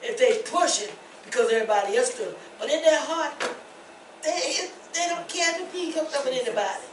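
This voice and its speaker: An older woman pastor preaching a testimony sermon, rising to shouts and laughing. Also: high voice, lively intonation, normal speed, slight background noise. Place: church. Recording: echoey church from far off.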